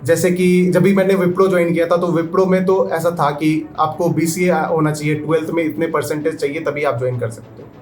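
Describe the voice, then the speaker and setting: Young man, fairly high pitch, hesitant, filler-heavy interview guest, faint music. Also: steady tone, brisk, few pauses, darkish tone. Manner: hesitant, many fillers, mixes English into Hindi. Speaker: guest software engineer. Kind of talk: interview answers.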